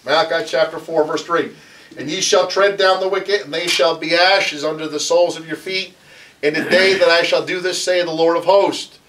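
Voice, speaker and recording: Animated man teaching Bible study from afar. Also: a little high, normal speed, slight background noise. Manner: animated, gestures while teaching at a lectern. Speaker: pastor. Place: small church room with bookshelves. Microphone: far camera. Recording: distant camera mic in a room.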